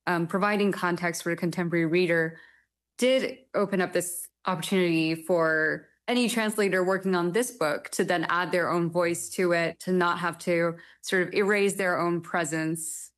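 A young woman from Taiwan talks about her translation work in an interview, in a fairly low voice. She answers thoughtfully and often pauses with hesitant fillers. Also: steady tone. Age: young adult. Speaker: literary translator.

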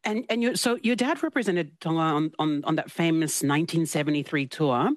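A woman's voice: low-pitched, brisk, dry recording, clean studio sound. A woman hosting a radio interview, with a polished scripted intro and friendly, curious questions.

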